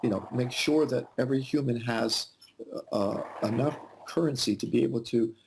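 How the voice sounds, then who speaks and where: A man's voice: medium pitch, moderate pace, creaky, a little mellow, slight background noise. A man in his forties, born in Yugoslavia and raised in the United States, answering interview questions thoughtfully with frequent fillers and restarts over a video call. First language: Albanian. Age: 40s. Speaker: interview guest. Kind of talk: casual interview conversation.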